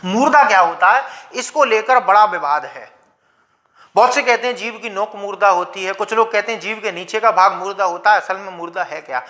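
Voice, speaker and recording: Bright-voiced male Hindi grammar teacher. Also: sits high. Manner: asks questions and answers them himself, sounds out letters slowly. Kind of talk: classroom lecture.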